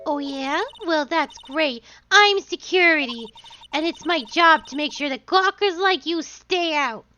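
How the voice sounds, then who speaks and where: A woman's voice: sits high, unhurried, bright, forceful tone, soft background music. A woman voicing a brash, nosy old woman security guard in a crabby, scolding old-hag voice for a video game.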